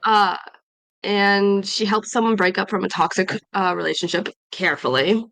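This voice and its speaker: At home, a woman recaps her character's adventures from a tabletop game session, rambling with many fillers and self-corrections. Her mid-range voice is fairly bright with vocal fry and a moderate pace, and the audio is poor but free of echo.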